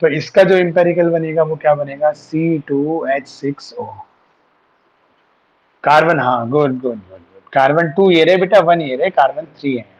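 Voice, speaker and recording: This online chemistry teacher speaks at a normal speed with a fairly high-pitched voice, patiently guiding students through formulas while mixing in English terms. The class audio sounds dull and lo-fi.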